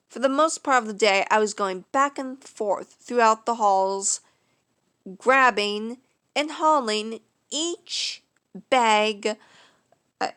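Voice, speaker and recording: A woman narrating a first-person fan story in a casual, unpolished way, with fillers and cleared throat. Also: a little high, a bit bright.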